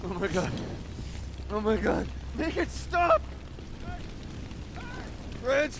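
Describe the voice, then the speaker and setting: An actor playing a panicked, defiant younger brother in a video game, crying out in angry anguish. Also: male voice, sits high, very animated, slow, noisy background, full character voice. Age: young adult. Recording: game music and effects behind.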